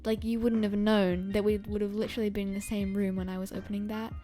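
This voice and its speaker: A woman's voice: medium pitch, flat delivery, fast, dark tone, soft background music. A young woman from Australia hosting a podcast, chatting casually and rambling with many fillers and laughs. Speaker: podcast host. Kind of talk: casual chat.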